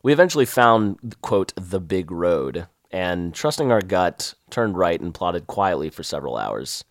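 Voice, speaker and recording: A man with a Southern accent narrating his own adventure in a wry, lively first-person storytelling manner. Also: low-pitched, moderate pace, no echo, studio quality.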